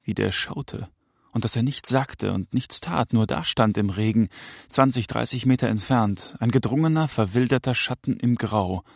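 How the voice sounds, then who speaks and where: A man narrating an audiobook of a crime novel with a gravelly texture to his mid-range voice. His reading is measured and tense, recorded dry and close with no room sound. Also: medium pitch, no echo.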